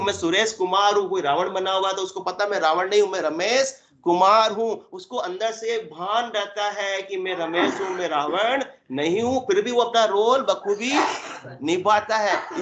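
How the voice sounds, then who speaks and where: A man giving a spiritual discourse, explaining by asking and answering his own questions and drawing out verse lines slowly. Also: high-pitched, a bit bright. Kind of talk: Hindi satsang discourse. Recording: dull lo-fi recording.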